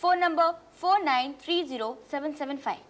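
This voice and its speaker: An actress playing an assistant who reads an advert and answers a phone call, in a TV serial. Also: female voice, sits high, moderate pace, noisy background, lightly acted. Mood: businesslike. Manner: crisp, businesslike on the phone. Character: efficient office assistant posing as a wife. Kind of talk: TV serial acting.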